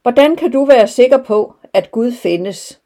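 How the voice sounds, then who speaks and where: A woman voicing a young male high-school student who asks blunt, probing questions. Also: lively intonation, warm tone. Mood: challenging.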